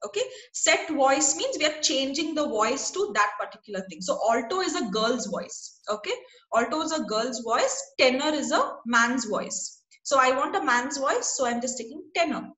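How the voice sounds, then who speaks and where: A woman's voice: high-pitched, animated, normal speed, fairly bright tone, roomy sound. A woman teaching a class online over a video call. She is patient and checks in often with her students.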